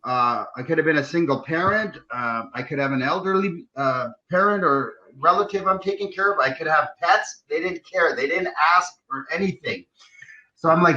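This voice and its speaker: A man's voice: fairly high pitch, pushed and bright. A middle-aged man telling his own story on a live stream, agitated and indignant, acting out what others said to him. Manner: agitated, indignant retelling with quoted dialogue. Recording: dull lo-fi stream audio.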